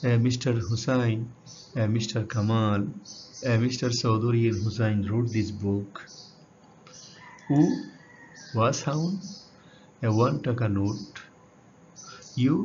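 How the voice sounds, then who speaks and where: A man teaching English grammar to students. He draws out the English example words slowly and asks the class questions. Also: medium pitch, darkish tone. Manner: addresses students directly, asking questions. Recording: dull lo-fi sound with faint hiss.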